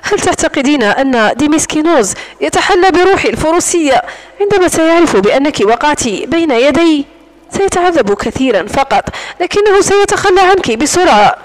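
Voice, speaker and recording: A domineering wealthy man who sneers and taunts, voiced by a woman narrating an audiobook. He speaks coldly and controllingly, and the voice stays quite high. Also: animated, a little fast, rough recording. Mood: mocking. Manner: mocking, cold and controlling.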